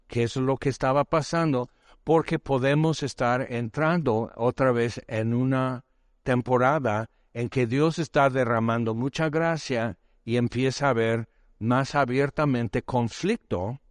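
A man's voice: medium pitch, no echo, studio quality. A male pastor preaching a conversational sermon, asking rhetorical questions and briefly acting out voices.

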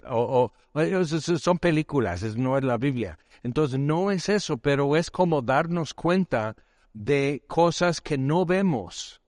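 A man's voice: a little high, lively intonation, slow pace, darkish tone, no room sound. Male pastor, casual sermon delivery with rhetorical questions, dry sound. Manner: conversational, rhetorical questions, acts out voices.

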